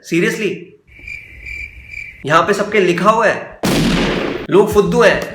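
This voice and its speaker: A man's voice: high-pitched, a bit bright, echoey room, a little hiss or hum. A young man hosting a comedy roast with crude, sarcastic ranting. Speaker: host.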